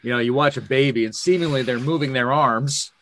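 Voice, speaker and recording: A Canadian man hosting a podcast, asking relaxed, curious questions. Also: medium pitch, a little fast, slight background noise. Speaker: podcast host. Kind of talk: interview questions.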